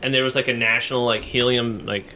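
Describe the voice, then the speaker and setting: A bright, forward-sounding man chats casually on a radio show, wandering through his sentences with plenty of fillers. His is easy and relaxed. A faint hum of ambience sits under the voice. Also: medium pitch, quick pace. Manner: chatty, rambling with many fillers. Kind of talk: casual chat.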